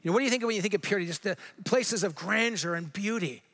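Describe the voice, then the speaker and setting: A middle-aged man from Southern California, a pastor delivering a sermon in a conversational way, slowing down to read scripture with emphasis. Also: high-pitched, a bit bright.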